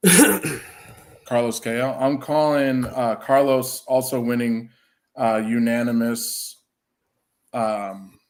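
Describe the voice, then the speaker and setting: A man with a Wisconsin accent hosts a casual podcast conversation. He talks in a loose, rambling way, often restarting his sentences and circling back before landing a point. His voice sits in an ordinary middle pitch. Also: takes it slowly, pauses often. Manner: rambling, many restarts and fillers. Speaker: podcast host. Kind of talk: casual chat.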